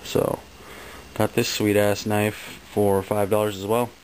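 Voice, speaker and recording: In a noisy amateur home video, a vlogger shows off his finds, chatting casually in a rambling, slangy show-and-tell with laid-back phrasing. His voice is on the low side, a little mellow, flat and slightly slow.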